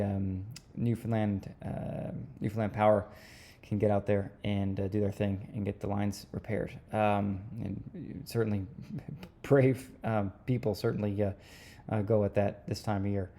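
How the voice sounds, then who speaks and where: Mellow-voiced man briefing on the weather. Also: fairly low pitch. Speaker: weather forecaster and vlogger.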